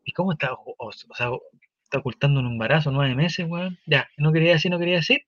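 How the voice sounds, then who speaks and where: A Chilean man hosting a casual talk show, animated and swearing as he tells a story. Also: a little high, fast talker, no echo, muffled recording.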